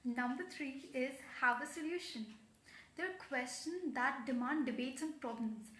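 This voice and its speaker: A woman's voice: sits high, measured pace, fairly bright tone. A young woman with an Indian accent, speaking in a poised, earnest, formal pageant-answer manner as she coaches viewers in an instructional video. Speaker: pageant coach giving tips. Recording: roomy, echoing room sound.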